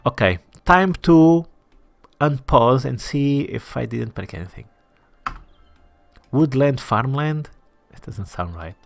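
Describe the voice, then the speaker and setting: A man builds a city in a game while commenting for his channel, his mid-range voice lively in intonation but slow, with vocal fry. Soft music plays underneath. He thinks out loud, mutters to himself, drops to the odd whisper, and keeps up a chatty, self-deprecating rapport with viewers.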